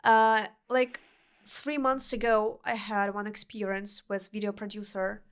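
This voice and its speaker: Her pitch is medium with little movement and her tone clean as this young woman from Uzbekistan, a non-native English speaker with a Russian accent, chats on a podcast as a guest. She sounds earnest, with halting phrasing and restarts.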